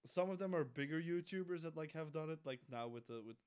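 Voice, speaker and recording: Rambling young man, slightly high voice. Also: fast, a little mellow, smooth. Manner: rambling, many restarts and swearing. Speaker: podcast co-host. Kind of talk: casual chat. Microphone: home computer mic.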